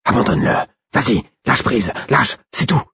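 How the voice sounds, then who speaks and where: A man's voice: mid-range voice, big pitch swings, normal speed, creaky, fairly bright tone, slightly rough, no echo, highs cut off, voice pushed up, full character voice. A man voicing a fierce, loyal male wolf companion, pleading urgently in a storybook reading. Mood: coaxing.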